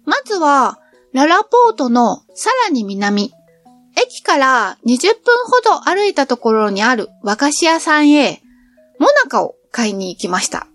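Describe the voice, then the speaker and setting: A woman's voice: sits high, very animated, a little slow, fairly bright tone, no echo, soft background music. A middle-aged woman narrating her train trip in a cheerful, chatty storytelling manner. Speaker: travel vlogger. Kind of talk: scripted travel narration.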